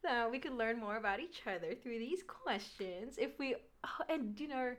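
A woman's voice: fairly high pitch, animated, moderate pace. A young woman from Australia, co-hosting a casual podcast in a giggly, agreeable way. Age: young adult. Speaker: podcast co-host. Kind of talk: casual chat. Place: small room at a table.

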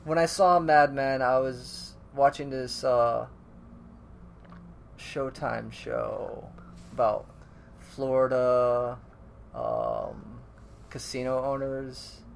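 A man's voice: medium pitch, steady tone, drawn-out words, creaky, pauses often, a little hiss or hum. A man co-hosting a podcast in casual chat, rambling and restarting his sentences, often laughing. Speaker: podcast co-host.

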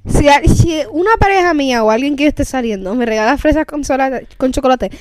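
A woman's voice: high voice, animated, fast, a little mellow, no room sound. A Puerto Rican woman co-hosting a casual podcast chat in Spanglish, dropping English words into her Spanish. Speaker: podcast co-host.

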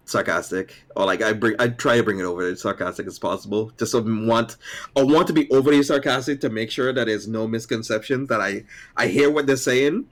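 A man's voice: on the low side, brisk. A man co-hosting a podcast about a card game, talking casually with frequent fillers and restarts, and slipping into mock-sarcastic asides. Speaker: podcast co-host. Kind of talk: casual chat.

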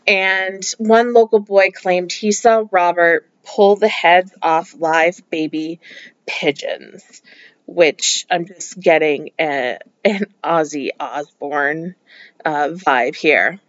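Casual true-crime host, woman, unhurried and opinionated, dry lo-fi home recording. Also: lowish voice, dry recording. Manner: opinionated, chatty, frequent ums and likes. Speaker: podcast host.

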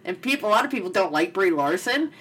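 A woman's voice: mid-range voice, big pitch swings, fast, a bit bright, slightly rough. A woman co-hosting a book podcast, chatting casually from a room at home, with playful complaints and frequent laughs. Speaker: podcast co-host. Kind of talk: casual book-club chat. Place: home room full of books.

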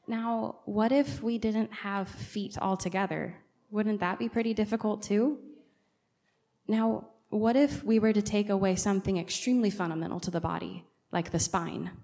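A guest preacher whose native language is English gives a conversational sermon in a gravelly, mellow, medium-pitched voice with fairly even intonation and normal speed. She draws in her listeners by often asking the congregation questions directly.

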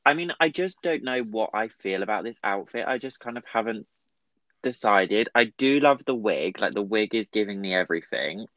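A man's voice: on the low side, expressive, moderate pace, a bit bright, no room sound, low-quality recording. A man hosting a casual chat, laughing often and poking fun at himself. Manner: chatty, laughing, self-deprecating. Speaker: podcast host.

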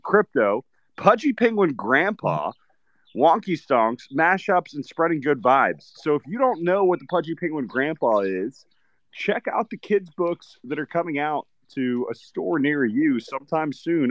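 A man hosting a casual live audio chat from a festival, relaxed and rambling. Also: on the high side, a little slow. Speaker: host. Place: festival event in Austin.

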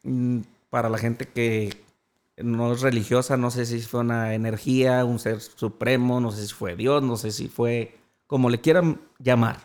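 A man's voice: medium pitch, steady tone, unhurried, darkish tone. A man, an interview guest earnestly retelling a personal story and quoting the voices of others.

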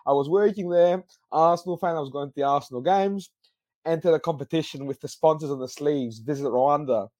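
A young man from Greece chats as a guest on a football podcast. He tells his story in an animated way, laughing often. His voice sits a little high, and the sound is close and dry. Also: a little fast, dry recording. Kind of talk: casual storytelling chat.

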